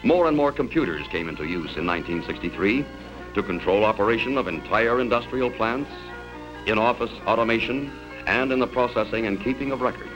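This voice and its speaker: A man's voice: a little fast, music in the background, rough recording. A man narrating an old 1960s newsreel in a formal announcer style, with a newsreel sound. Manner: formal announcer delivery, lively pitch.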